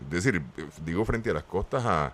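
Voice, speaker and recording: A man's voice: deep voice, lively intonation, a little fast, a bit bright. A man with a Nicaraguan Caribbean-region Spanish accent, co-hosting a live current-affairs discussion on radio. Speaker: radio show co-host.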